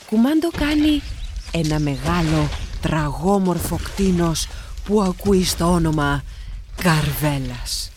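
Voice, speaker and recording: A woman's voice: darkish tone, slight background noise. A woman narrating a comic fairy tale with big dramatic rises and drops in her voice. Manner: storyteller with big dramatic pitch jumps. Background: music.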